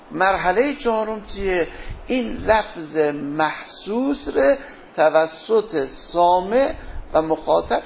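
A man lectures on philosophy in a gravelly voice pitched a little high. He keeps posing questions to the class and answering them himself. The recording sounds dull and lo-fi. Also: slight background noise. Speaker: teacher.

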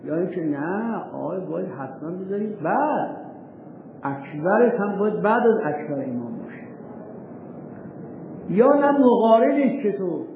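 A man's voice: high voice, very animated, gravelly. Guy giving a seminary lecture, keeps quizzing the students, faint hiss, echoey hall. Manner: rhetorical questions to students; reads old texts slowly and deliberately. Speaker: religious law teacher. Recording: tinny echoey hall recording.

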